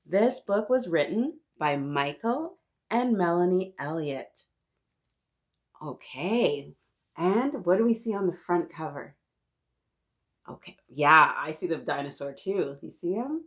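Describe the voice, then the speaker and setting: This lowish, slow-speaking woman runs an interactive storytime, talking straight to the little ones as she reads to them with animated encouragement.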